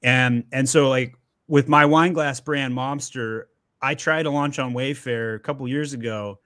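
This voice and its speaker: A man's voice: medium pitch, steady tone, unhurried, sharp tone, no echo. A male host of a live Q&A, upbeat and chatty, asking questions with joking asides. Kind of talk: live Q&A interview.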